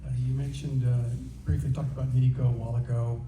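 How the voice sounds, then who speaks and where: A man's voice: mid-range voice, little pitch movement, a little fast, mellow. A man working as a newspaper sports reporter, hesitantly putting a question at a press conference. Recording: echoey room, distant mic, faint noise.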